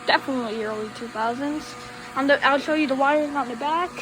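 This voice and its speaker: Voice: sits high, quick pace, noisy background. A host giving a casual demonstration of equipment in a homemade video.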